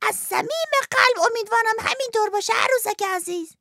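A woman voicing a resigned, philosophical male tuna fish in a storybook reading, shrill and world-weary. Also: vocal fry, pushed and bright, exaggerated voice. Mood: kind.

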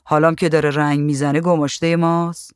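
Brief: male reader as a joking, idle husband, fairly high voice, dry room. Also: level tone, smooth, dry recording, lightly acted. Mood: wry. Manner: dry, teasing replies. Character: laid-up husband, wry and teasing.

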